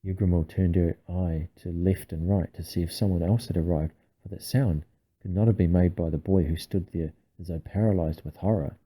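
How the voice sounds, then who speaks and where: A man reading a bedtime story aloud in an unhurried, hushed storytelling manner. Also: sits low, fairly even intonation, slightly rough, poor audio. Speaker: reader.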